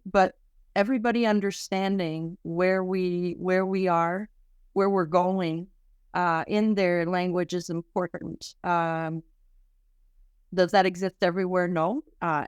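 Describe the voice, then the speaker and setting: Quebec woman, earnest halting speech. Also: fairly low pitch, clear, resonant tone, dry recording, studio quality. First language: French. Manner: earnest, halting with many restarts. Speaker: research center director. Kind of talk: podcast interview.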